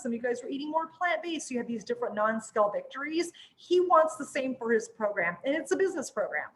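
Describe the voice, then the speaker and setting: A woman with a high-pitched voice hosts a casual promotional chat. She talks in an informal, chatty way and sounds readily excitable. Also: low-quality recording. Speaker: host.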